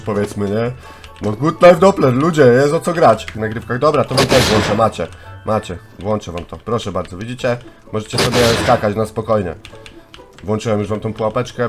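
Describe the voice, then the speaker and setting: A man in his twenties, a gaming YouTuber, giving chatty, excitable live commentary on a contest and talking straight to his viewers. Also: medium pitch. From Poland. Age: 20s.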